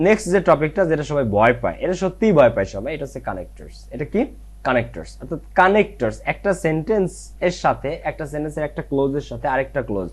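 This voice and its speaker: A young man teaching an exam-prep lecture, reassuring students and checking in often with quick tag questions. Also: medium pitch, darkish tone.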